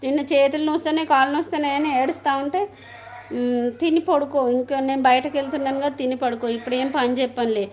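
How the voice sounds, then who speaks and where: A woman's voice: sits high, fairly even intonation, fast, darkish tone. A middle-aged woman, chatting casually on a live stream, laughing often and greeting viewers.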